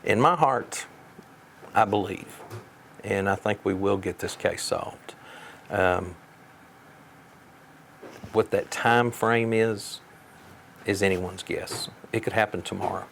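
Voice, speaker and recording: A man speaking as a sheriff in an interview, giving measured answers in a plain-spoken, folksy way. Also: lowish voice, vocal fry, fairly bright tone, a little hiss or hum.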